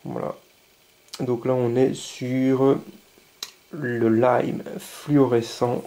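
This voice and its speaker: Mellow-voiced man chatting through an unboxing. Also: mid-range voice, little pitch movement. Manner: chatty, enthusiastic, thinking aloud; reads labels aloud haltingly. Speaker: scale model hobbyist. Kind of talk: casual unboxing talk.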